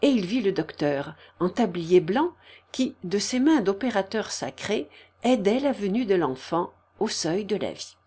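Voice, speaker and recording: A woman reading a classic novel aloud in a measured, expressive storytelling manner. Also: mid-range voice, breathy edge. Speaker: audiobook narrator. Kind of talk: scripted literary narration.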